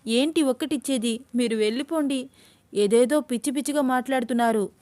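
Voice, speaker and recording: Woman doing a shrill, fiery young woman. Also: brisk, darkish tone, no echo, close to an everyday voice. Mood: frightened. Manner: shrill, agitated pleading. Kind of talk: audio story voice acting.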